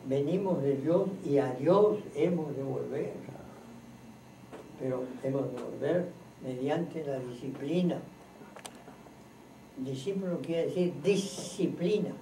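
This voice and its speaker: A man giving an informal spiritual teaching to a gathered group, slow and earnest, repeating and listing points like a preacher. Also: a little high, vocal fry, warm tone, slight background noise. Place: room in a private home. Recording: roomy, distant home recording.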